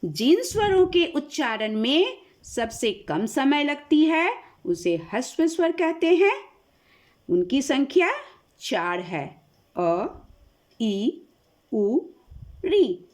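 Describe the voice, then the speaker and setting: Slow, lively-voiced woman teacher. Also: sits high. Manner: asks questions then answers them herself, slow and deliberate. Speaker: school teacher. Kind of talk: classroom grammar lesson.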